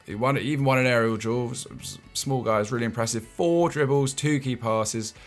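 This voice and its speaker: A man with a mid-range voice hosts a casual football analysis chat at a normal pace over soft background music. He keeps restarting his words with stammers and chuckles between points.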